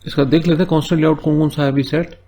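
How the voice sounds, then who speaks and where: This screen-recorded coding tutorial features a man with a fairly high, level voice and a dark tone. He explains each step in Hindi, often checking in with "है ना?", and slowly reads English task notes in between.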